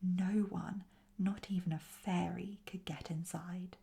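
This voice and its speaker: A softly spoken woman narrating a children's storybook in a soothing whispered role-play. Her whisper is low and dark-toned, and she takes her time over every line. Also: steady tone, slow pace, gravelly, slight background noise.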